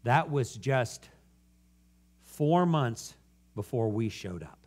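A man preaching a sermon, earnestly telling a story that moves from animated to hushed. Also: mid-range voice, slow pace. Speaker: guest preacher.

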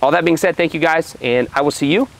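A man in his thirties talks casually to camera as a gear reviewer. His voice sits a little higher than average and has a crackly, gravelly fry. He is recorded outdoors on a small mic that adds hiss. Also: quick pace. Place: outdoors at an open car tailgate. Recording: loud hiss from poor microphone.

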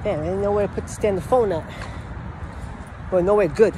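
A man's voice: sits high, normal speed. A man in his thirties, a fitness trainer, chatting casually and crudely to his phone about his workouts. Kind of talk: casual workout vlog chat, cursing. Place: outdoors in an open park. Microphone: handheld phone at arm's length. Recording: noisy outdoor phone recording, urban ambience.

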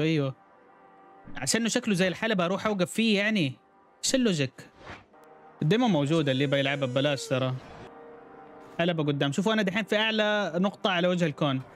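Chatty gaming streamer man. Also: a little high. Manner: chatty, reacts aloud and talks to chat. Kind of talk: casual gameplay commentary.

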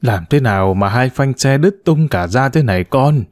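A courteous older grandfather who speaks politely and a little hesitantly, as a male narrator puts him on. His pitch moves with animated swings. The sound is dry, with no room echo. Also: normal speed, close to an everyday voice. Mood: fatherly.

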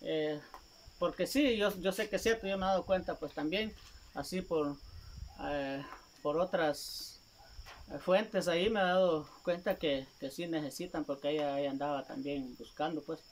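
A man, a vlogger speaking casually to his viewers in a gravelly voice, rambling and repeating himself as he recounts a conversation. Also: a little high, moderate pace, a little hiss or hum. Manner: rambling, repeats "me dice" often.

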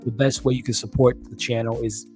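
Losing his voice, a livestream host in his thirties reads viewer comments and chats cheerfully, laughing a lot and thanking his audience. He sits close to a desk studio mic in a small room, speaking a little fast in a flat, dark-toned, medium-pitched voice over soft background music.

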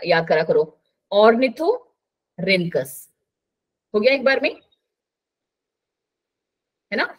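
Chatty woman teaching biology. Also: a little high. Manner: chatty, coaxing, mixes Hindi with English terms. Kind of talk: live online class.

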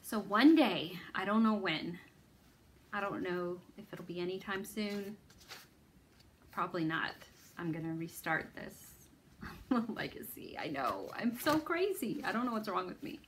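A woman hosts a needlework video, chatting casually about her stitching projects in a rambling, self-deprecating way, full of ums and restarts. Her voice is on the low side, a little slow with frequent pauses, over slight background noise.

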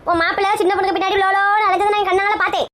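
A woman's voice: very high-pitched, little pitch movement, racing, a bit bright. A woman with a Kanyakumari Tamil accent playing a bossy, protective elder sister in a comedy skit, scolding and urgent.

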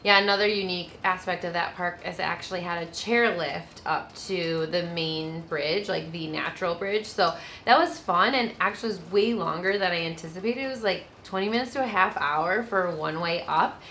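Woman, thirties, travel vlogger, friendly casual chat, lowish voice, outdoors, faint background ambience. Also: normal speed, hardly any pauses, slight background noise. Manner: relaxed, friendly, with easy laughs. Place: outdoors beside a camper trailer.

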